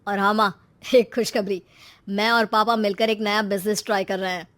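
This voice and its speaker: A woman's voice: medium pitch, fairly even intonation, normal speed, fairly bright tone, no room sound, close to an everyday voice. A woman voicing an earnest, trusting young man, the brother in a storybook tale, explaining himself.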